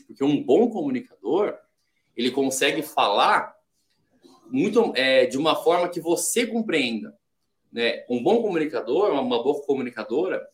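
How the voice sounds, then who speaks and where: A man from Brazil, a podcast guest in casual chat, explaining ideas step by step and acting out little quoted examples. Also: medium pitch. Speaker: podcast guest, sales development rep.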